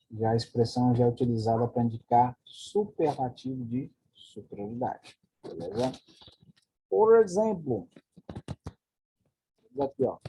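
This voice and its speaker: A man's voice: medium pitch, noisy background. A man with a Brazilian Portuguese accent teaching an English grammar lesson, explaining patiently and checking in with his students.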